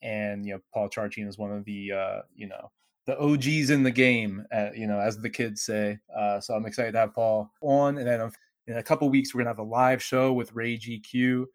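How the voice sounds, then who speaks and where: A man co-hosting a fantasy football podcast, talking casually and haltingly with many uhs. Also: on the low side, steady tone, dry recording, studio quality. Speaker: podcast co-host.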